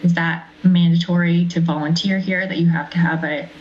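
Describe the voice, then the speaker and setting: A woman's voice: on the low side, little pitch movement, moderate pace, darkish tone, highs cut off. A woman board member asking questions at a meeting, uncertain and conversational.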